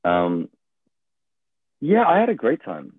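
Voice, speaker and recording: A man's voice: medium pitch, huge pitch swings, slow pace, breathy edge, dry recording. A man in his twenties, born in Hong Kong, talking casually as a guest actor, hesitant and thoughtful with many fillers and restarts. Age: 20s. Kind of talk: casual conversation. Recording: tinny phone-like call audio.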